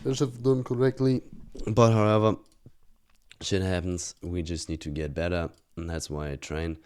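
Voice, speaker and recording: A man's voice: sits low, fairly even intonation, normal speed, a little mellow, smooth. A young man with a German accent, a student thinking aloud as he reviews an old exam, hesitant and full of fillers and restarts.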